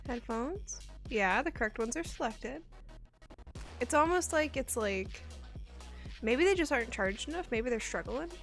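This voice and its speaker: A woman streamer in casual live-stream chat, chatty and self-mocking, laughing often and swearing casually. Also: sits high.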